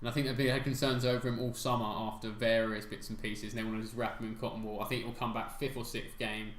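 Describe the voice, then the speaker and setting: An English man co-hosting a podcast, giving quick, confident opinions in casual sports chat. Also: fairly low pitch, level tone. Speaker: podcast co-host. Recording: roomy home recording.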